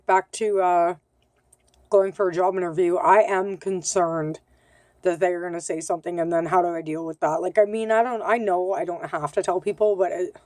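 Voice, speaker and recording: A woman's voice: lowish voice, darkish tone, no echo. A woman in her thirties speaking in a candid, hesitant video diary, full of ums, with a slight lisp. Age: 30s. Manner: hesitant, lots of ums, candid and self-conscious. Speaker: vlogger.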